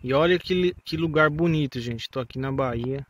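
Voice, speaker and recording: On a rural dirt road, a vlogger and learner rider in his late twenties talks with a São Paulo Brazilian accent, his voice mid-range and his pace moderate. His casual instructional chat is reassuring and rambling as he explains things. Loud motorcycle engine noise fills this outdoor phone recording.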